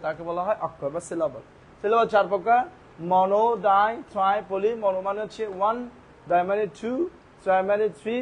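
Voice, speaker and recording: A man teaching English grammar, asking questions and answering them himself while sounding out words syllable by syllable. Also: high-pitched. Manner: speaks in an informal classroom way. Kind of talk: classroom-style grammar lesson.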